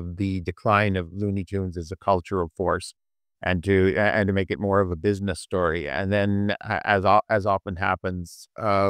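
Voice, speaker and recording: Give me a deep-voiced man who stumbles and restarts. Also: a bit bright, clear, resonant tone, dry recording, clean studio sound. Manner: hesitant, restarting sentences. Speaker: guest author and historian. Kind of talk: interview answers.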